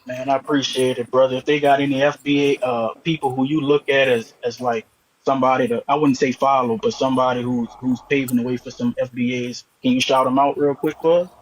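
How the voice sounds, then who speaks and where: Guy asking questions in a casual chat, bit husky, average pitch. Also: flat delivery, fairly quick, low-quality recording. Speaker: guest questioner.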